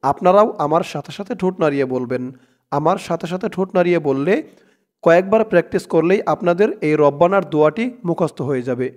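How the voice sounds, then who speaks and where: Man with a Bangladeshi accent, recitation teacher, smooth resonant voice, high tone, unhurried, drawn-out chanting. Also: expressive, a little mellow. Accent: Bangladeshi Bengali. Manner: drawn-out chanted recitation between quick explanations. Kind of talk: slow spelled-out recitation lesson.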